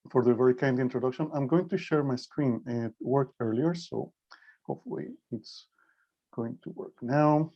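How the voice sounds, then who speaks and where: Male guest lecturer, informal and halting, voice a bit weak with a cold, muffled lo-fi video call sound. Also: medium pitch. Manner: hesitant, halting delivery. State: slightly weak voice from a mild cold. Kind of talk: informal online presentation. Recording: dull, lo-fi video call audio.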